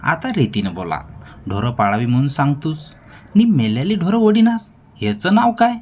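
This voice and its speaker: Guy putting on a bossy village headman, snapping orders, way higher than his normal voice. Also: big pitch swings, normal speed, darkish tone. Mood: demanding. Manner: barking, demanding. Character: domineering middle-aged village headman.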